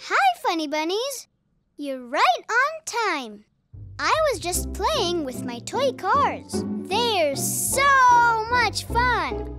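A performer voicing a cheerful, curious three-year-old boy bunny puppet hosting a preschool show, talking in a slow, exaggerated, sing-song, wondering way. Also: very high voice, very animated, heavily acted. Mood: delighted. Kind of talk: children's educational puppet show, talking to young viewers. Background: children's music.

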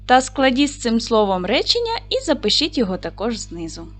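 A woman teaching an online lesson to young children, speaking clearly and stretching out words as she spells them. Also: fairly high pitch, huge pitch swings, brisk, faint music behind. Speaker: primary school teacher.

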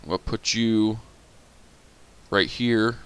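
A gaming channel host with a smooth, lowish, steady voice casually comments on his strategy game while playing. He draws out his words, grumbles at setbacks and talks to his units.

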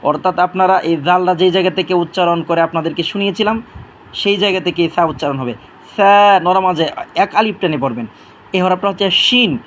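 A man teaching Arabic letter sounds, stretching each one out slowly to demonstrate it. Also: high voice, a little hiss or hum. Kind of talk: online Quran letter lesson.

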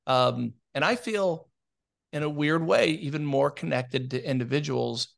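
A man co-hosting a business podcast in casual chat, giving steady advice with many ums and restarts. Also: fairly high pitch, unhurried, creaky. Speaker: podcast co-host.

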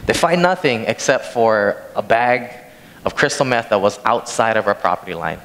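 A young man from Hawaii preaches in a large church sanctuary, his low voice carrying a long hall reverb over a faint hiss. He moves between reading scripture and telling a plain, conversational story from the stage, speaking into a handheld mic. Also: big pitch swings, moderate pace, fairly bright tone. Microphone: handheld microphone from a far camera.

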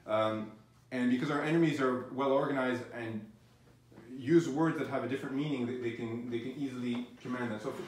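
A middle-aged physician giving a faith-based lecture, speaking earnestly and haltingly, with many restarts. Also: male voice, medium pitch, fairly even intonation. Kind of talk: faith-based academic talk. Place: lecture room. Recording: very echoey room, distant mic, faint noise.

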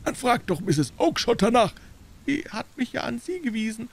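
A man's voice: very high voice, big pitch swings, normal speed, vocal fry, pitched above the performer's own voice, heavily acted. A man voicing a nervous, frightened small young man who whimpers and stammers in a storybook reading.

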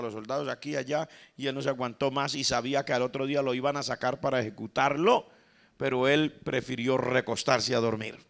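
A man's voice: medium pitch, gravelly, a bit bright. A man with a Colombian accent preaching a sermon, telling stories, acting out the quoted lines and often calling his listeners "brother". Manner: storytelling preacher, calls the congregation "hermano", acts out the quoted lines. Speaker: pastor.

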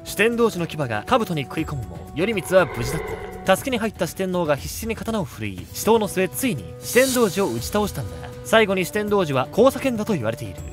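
A man's voice: sits high, huge pitch swings, quick pace, hardly any pauses. A man voicing a theatrical vampire host giving a grandiose scripted narration about history. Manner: grandiose lecturing narration with a catchphrase ending. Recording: background music throughout.

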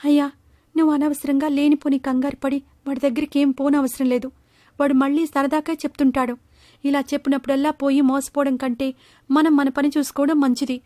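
Brief: woman playing a sensible village mum, high voice, dry close sound, blunt and practical. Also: little pitch movement, fairly quick, dark tone, no room sound, natural voice. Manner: reassuring, blunt.

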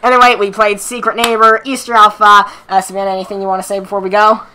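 A woman hosting a let's play video, teasing friends and shouting at the game in casual commentary. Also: mid-range voice, flat delivery, fast talker, slight background noise, rough recording. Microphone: desk microphone.

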